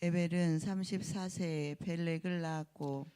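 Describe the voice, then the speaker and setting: A congregant reading scripture aloud in turn with a leader, in a steady, even manner. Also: mid-range voice, unhurried, clean tone.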